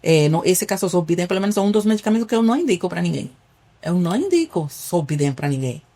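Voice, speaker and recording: A Cuban family doctor speaks in a podcast interview with a Cuban Spanish accent. Her voice is fairly low and dark, with big pitch swings and a quick pace. She is earnest, explains things with patient examples, and restarts now and then.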